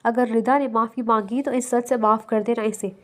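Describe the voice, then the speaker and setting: A woman's voice: fairly high pitch, steady tone, close to an everyday voice. A woman reading the lines of a brusque, commanding young man in an audiobook novel.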